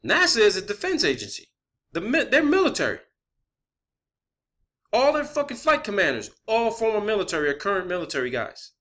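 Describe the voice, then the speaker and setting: His high voice is very animated, a little fast and sharp-toned as he presses an unscripted conspiracy theory online. Emphatic and insistent, he curses frequently and uses repetition and rhetorical questions for emphasis.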